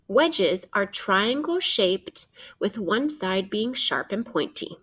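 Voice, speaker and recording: Speaking straight to a young audience, a female teacher reads from a nonfiction book for children. Her pitch sits in the middle and carries a slight roughness, and she reads expressively, like a lesson.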